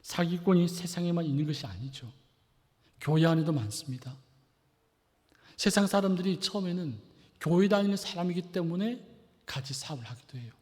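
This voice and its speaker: A man preaching a sermon as pastor, asking the congregation rhetorical questions and swinging between loud and soft. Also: on the high side, lively intonation, moderate pace, long pauses. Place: church sanctuary. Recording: long reverb of a church hall.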